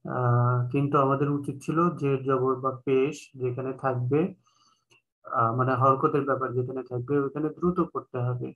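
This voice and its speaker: A man with a Bangladeshi Bengali accent, teaching an online class in a patient way, repeating each point slowly with many filler sounds. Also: mid-range voice, little pitch movement, highs cut off. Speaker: Quran reading teacher. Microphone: online call.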